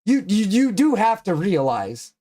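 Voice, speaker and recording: Dude streaming, super animated up and down, blunt swearing roast vibe. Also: male voice, sits high, measured pace, crowd noise. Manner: blunt, profane teasing. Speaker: livestream host. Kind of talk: casual stream chat.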